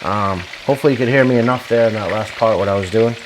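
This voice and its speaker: A man's voice: fairly low pitch, fast, a little hiss or hum, low-quality recording. A man talking casually to viewers as he cooks in a folksy, chatty way, like a home cooking vlog host. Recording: clear frying sizzle, uneven mic level. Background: sizzling oil in a frying pan.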